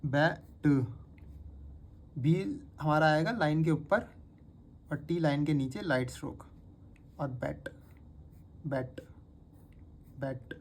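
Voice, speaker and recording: Teacher walking beginners through shorthand strokes, recorded on a phone, with steady and patient repetition. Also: mid-range voice, takes it slowly, pauses often. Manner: patient, repeats each word several times. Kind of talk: step-by-step spoken lesson.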